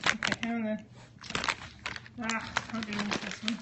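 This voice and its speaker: A woman's voice: mid-range voice, monotone, unhurried, very noisy. A woman chatting to her dogs in a sing-song, coaxing way as she unboxes a parcel at home. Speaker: dog owner filming an unboxing. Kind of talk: casual talk to her dogs while unboxing.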